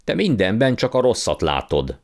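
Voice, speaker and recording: A man's voice: rumbling low, lively intonation. A man voicing a pompous, blustering old uncle who calls himself a scientist and magician. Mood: lecturing. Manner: blustering, condescending, impatient.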